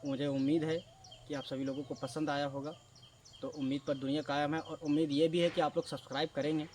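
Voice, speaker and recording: A man telling a comic story in a casual, animated way, swinging between loud and hushed. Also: on the high side, brisk. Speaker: storyteller, channel host. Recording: distant mic with faint background noise.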